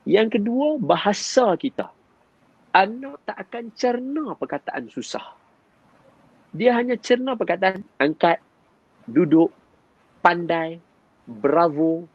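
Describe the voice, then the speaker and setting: A man, telling a story in an animated way and often turning to address his listener directly. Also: high voice, slow pace, long pauses, husky, no room sound, dull audio. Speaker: guest father sharing parenting experience. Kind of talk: storytelling in conversation.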